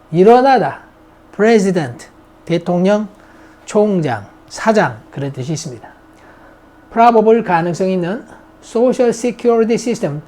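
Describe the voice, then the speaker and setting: A middle-aged man whose first language is Korean, teaching English grammar in a recorded lecture and drilling vocabulary by slowly repeating words for students to echo. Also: sits high, a little mellow.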